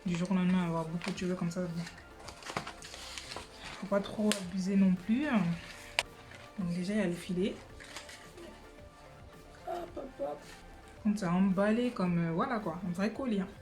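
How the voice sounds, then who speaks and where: A woman's voice: fairly low pitch, steady tone, brisk, long pauses, over music. A young woman chatting casually in her living room during a wig try-on vlog, hesitant and full of fillers and restarts. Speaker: beauty vlogger.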